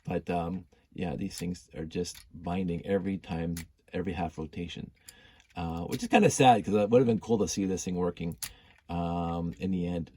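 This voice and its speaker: A building hobbyist vlogger with a stuffy cold thinks aloud as he works, rambling, humming and muttering in a self-deprecating way. His deep voice is husky and a little mellow, moving at a moderate pace.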